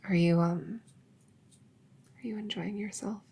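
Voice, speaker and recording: A woman playing a shy, smitten elf neighbor in an ASMR role-play, soft and breathy, stammering hesitantly as she gently cares for the listener. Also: mid-range voice, steady tone, unhurried, heavily acted. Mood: flustered, embarrassed. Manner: hesitant, stammering, awkward rambling.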